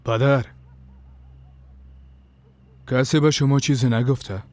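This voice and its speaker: A man voicing a troubled grown son, pressing his father in earnest. His voice sits at a middling pitch, and the tone is plain and direct. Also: fairly even intonation, a little mellow, close to an everyday voice. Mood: pleading. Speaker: dubbing actor. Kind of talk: dubbed TV drama.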